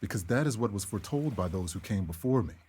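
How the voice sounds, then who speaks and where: Earnest, lively-pitched period drama healer. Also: male voice, husky. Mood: serene, assured. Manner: measured, formal phrasing without contractions. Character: earnest young male healer, calm and devout believer in elders. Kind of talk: stagey period drama acting.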